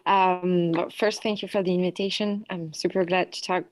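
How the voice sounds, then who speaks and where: A French woman with a French accent giving a friendly conference presentation in English, often pausing on "um" and "uh". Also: lowish voice, fairly even intonation, no echo. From France. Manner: friendly, with frequent fillers. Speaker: conference speaker.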